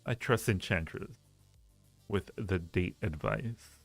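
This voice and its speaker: Low and slow, a man's voice carries a casual, rambling livestream chat in which he rates viewers' ideas and often repeats himself. Faint music plays in the background of an echoey room.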